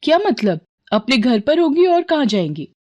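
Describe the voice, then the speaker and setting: A woman's voice: high-pitched, very animated, normal speed, darkish tone, voice pushed up. A woman voicing a sensible young village woman who speaks earnestly and firmly. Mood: puzzled. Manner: earnest, firm.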